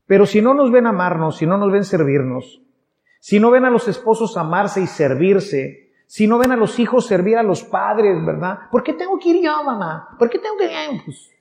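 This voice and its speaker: A man's voice: sits high, darkish tone. A man with a Mexican accent preaching a sermon in a casual, conversational way, acting out little everyday scenes. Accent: Mexican Spanish. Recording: dull sound with long hall reverb.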